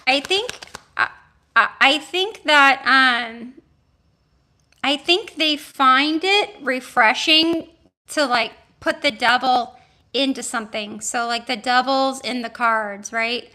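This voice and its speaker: A woman in her forties chatting casually on a livestream as a tarot reader, thinking aloud and talking warmly to her viewers. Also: high voice. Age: 40s. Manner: chatty and musing, thinks aloud with restarts and drawn-out exclamations; addresses viewers warmly, with homely blessings.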